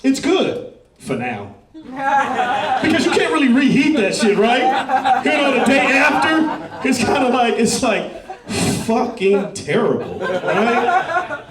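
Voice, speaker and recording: High-voiced, animated man doing self-mocking stand-up, caught off-mic in an echoey room. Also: slow pace, long pauses, far from the mic, a loud crowd. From Los Angeles, US. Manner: playful, self-mocking storytelling. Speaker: stand-up comedian. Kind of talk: stand-up routine.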